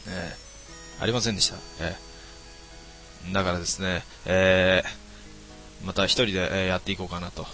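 Deadpan low-voiced male streamer. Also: a little slow, long pauses, faint music behind. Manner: wry, deadpan reading of viewer comments, many filler "eh"s. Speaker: game streamer. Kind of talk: casual solo live stream chat.

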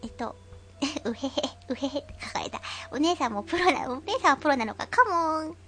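A woman with a high, cute voice hosting an internet radio show, chatting casually and reading out listener comments with giggles and fillers. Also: lively intonation, rapid-fire, fairly bright tone. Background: faint background music.

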